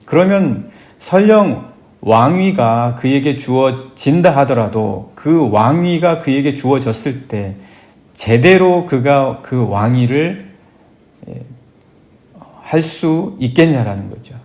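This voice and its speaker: A man, a pastor, giving an early morning prayer sermon in a calm, conversational way, often affirming himself with a soft "yes". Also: mid-range voice, slow. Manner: reads scripture aloud and acts out plaintive prayers.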